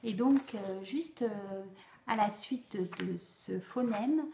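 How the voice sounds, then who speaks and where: Woman, teacher, slow, deliberate, many pauses, echoey room. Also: medium pitch, creaky, mellow, slight background noise. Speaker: speech therapy teacher. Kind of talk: instructional explanation for parents.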